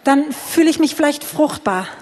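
High-voiced woman interpreting a sermon. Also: animated, a little mellow. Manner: quick, follows closely, occasional restarts. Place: church hall. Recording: reverberant hall.

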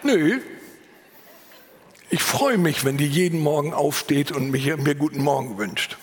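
A pastor preaching a sermon, earnest and lively, sometimes dropping to a whisper and then rising for emphasis, with a voice he himself calls unusual. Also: on the high side, normal speed, long reverb tail, a little hiss or hum. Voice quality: husky. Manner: earnest, varied, drops to whispers and rises for emphasis. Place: church.

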